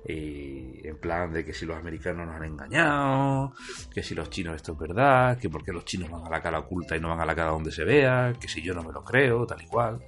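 Low, raspy man from Spain. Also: animated, brisk, fairly bright tone. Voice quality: raspy, smoker-like rasp. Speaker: podcast co-host. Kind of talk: casual humorous chat.

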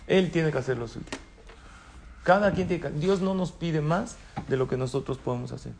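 Gravelly man teaching a religious class. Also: a little high, moderate pace, darkish tone, slight background noise. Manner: conversational, asks the audience rhetorical questions.

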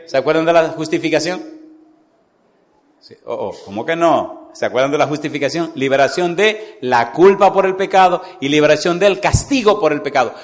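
A male preacher tells a moral story during a sermon, his voice set fairly high. He speaks in an animated way and keeps turning to his listeners with repeated yes-or-no questions. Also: normal speed. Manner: animated, repeatedly asks the congregation "sí o no".

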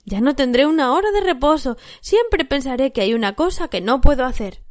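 A woman's voice: sits high, lively intonation, a little fast, no room sound, clean studio sound. A woman voicing a greedy, ambitious fisherman's wife who barks demands at her husband. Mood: demanding. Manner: demanding, shouting commands.

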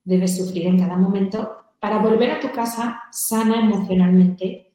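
A middle-aged woman speaks in an earnest, storytelling way during an interview. Her voice is mellow and soft-edged. The room around her is strongly echoey. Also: mid-range voice, steady tone, moderate pace. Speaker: founder of a volunteer mothers' group, guest. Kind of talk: conversational interview answers.

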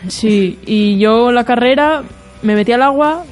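A woman's voice: a little high, measured pace. A woman co-hosting a radio show, telling a story in a chatty way and laughing often. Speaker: radio co-host. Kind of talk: casual radio chat.

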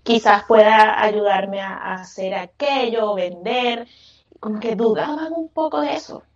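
This woman's voice is medium in pitch and a little slow. A Venezuelan craft business owner appearing as a podcast guest, she answers interview questions in a chatty, effusive, emphatic way with Venezuelan Spanish pronunciation. Her microphone sounds echoey, distant and muffled.

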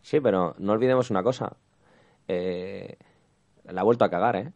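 Hombre de voz grave, sonido apagado. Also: male voice, on the low side, normal speed, a little mellow. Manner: blunt, swears casually. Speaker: podcast co-host. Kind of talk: casual chat reviewing a TV series. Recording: dull lo-fi sound.

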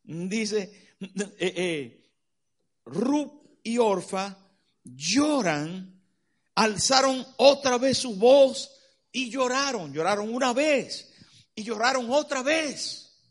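A man's voice: extremely high pitch, lively intonation, drawn-out words. A man preaching a sermon, dramatic and full of rhetorical questions to the congregation.

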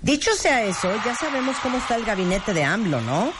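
A man's voice: very high voice, big pitch swings, fairly quick, background noise. A man with a Mexican accent hosting a radio show, talking in an emphatic, preachy way and reeling off lists. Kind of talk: casual opinion talk on air. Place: radio studio.

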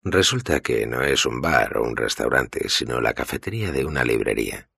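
A man narrating an audiobook in a steady, grave way. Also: extremely low pitch, normal speed, creaky, breathy edge, no echo, clean studio sound.

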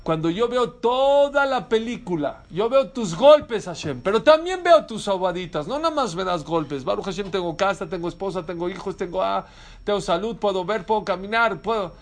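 Animated man giving a sermon. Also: high voice, normal speed. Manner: animated storytelling with rhetorical questions. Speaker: rabbi.

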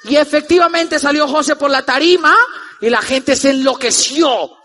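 A young Colombian man in his twenties telling a lively personal story to a live audience as a motivational speaker, acting out the people in it. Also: very high-pitched, normal speed. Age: 20s. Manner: animated, acts out the voices of the people in his story.

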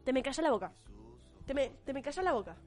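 A woman's voice: high voice, big pitch swings, quick pace, a little mellow, soft background music. A teenage girl with an Argentine accent, ranting to camera in a blunt, profane and sarcastic way. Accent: Argentine Spanish. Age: teens. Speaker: vlogger. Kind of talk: opinion rant to camera.

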